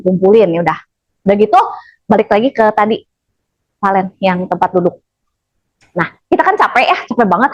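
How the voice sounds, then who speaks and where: A woman's voice: a little high, darkish tone, dull audio. A woman telling a story to a group in casual with a tinge, blunt and chatty, acting out what people said and laughing along. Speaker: storyteller addressing an audience.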